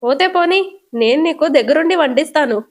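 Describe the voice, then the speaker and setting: A woman's voice: high voice, lively intonation, fairly quick. Woman voicing a coaxing, fussy mother-in-law. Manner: coaxing, scolding. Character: fussy doting middle-aged mother-in-law cook.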